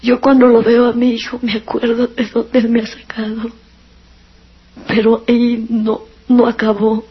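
Woman sharing her testimony, earnest and emotional, pretty high voice, kinda flat delivery, muffled lo-fi sound. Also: measured pace, breathy edge. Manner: earnest and emotional, sometimes near tears. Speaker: person giving a religious testimony. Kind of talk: personal testimony. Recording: dull lo-fi recording.

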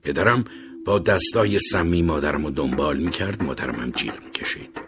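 A man narrating a dark story in the first person, with calm, even scripted storytelling. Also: rumbling low.

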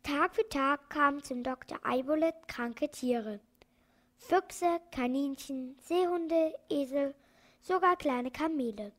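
A woman reading a children's storybook aloud in an expressive, lilting manner. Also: high voice, takes it slowly. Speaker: narrator.

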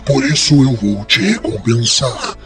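A cold, taunting killer on the phone, as a man puts him on, his voice warped by a voice changer. He drags out every word and lets his pitch swing widely for menace. Music plays clearly beneath the story. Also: very animated, unhurried. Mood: menacing. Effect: distorted voice, as through a voice changer. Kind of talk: audio story reading. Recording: music underneath.

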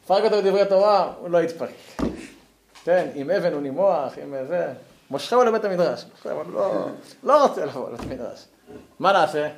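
A man giving a lively Torah lesson to a class, acting out angry letters with sudden high outbursts. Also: creaky, a little hiss or hum. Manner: animated, acts out angry letters, jumps high in pitch. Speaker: Torah teacher. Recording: echoey room.

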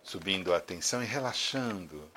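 Low-voiced man guiding a calm meditation. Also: poor audio. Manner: slow, soothing instructions with long pauses. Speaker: meditation guide. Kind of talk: guided relaxation meditation. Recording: music playing behind the voice. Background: background music.

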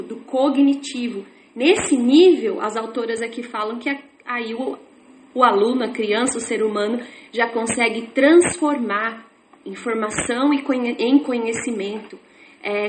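A woman teaching an informal online class, explaining with repetitive, chatty everyday examples. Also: fairly high pitch. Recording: echoey room with faint noise.

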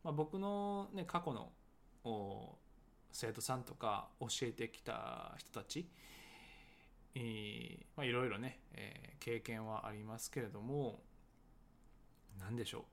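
Hesitant man with a gravelly, creaky voice. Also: mid-range voice, expressive, a bit bright, a little hiss or hum. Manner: tentative, hedging, many pauses and fillers. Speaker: English conversation teacher and book author. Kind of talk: casual solo talk promoting his book.

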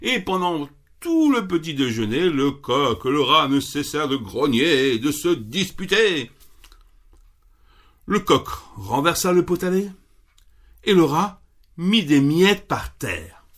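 A man reading a children's story aloud with expressive, unhurried storytelling. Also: fairly high pitch.

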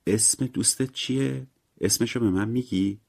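A man voicing a gentle, eager young woman visitor who talks softly and drawn-out in a story reading. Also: medium pitch, creaky, voice pushed up. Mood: coaxing.

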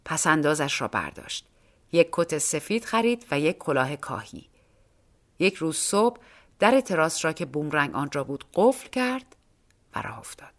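A woman's voice: sits low, sing-song. A woman narrating a short story for an audiobook, reading expressively and acting out the dialogue.

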